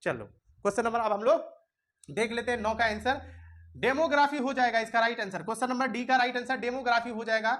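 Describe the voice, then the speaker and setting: A man's voice: very high-pitched, fast talker, fairly bright tone. Scolding male teacher. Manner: scolding, chatty, colloquial. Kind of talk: classroom lesson. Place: classroom with students.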